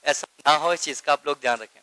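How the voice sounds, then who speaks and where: A male accounting teacher lecturing a class, with a high-pitched and bright, forceful voice. He drills key terms by repeating them and keeps checking that his students follow. The sound is dry and close, with no room echo. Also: fast. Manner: keeps asking students if they follow, calls them beta; mixes Hindi with English accounting terms.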